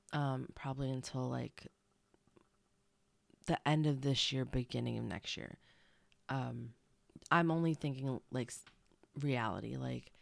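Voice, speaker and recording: A young woman hosts a casual solo podcast, chatting and rambling off into side stories while her nose is stuffy. Her voice is extremely low with vocal fry, and there's no echo.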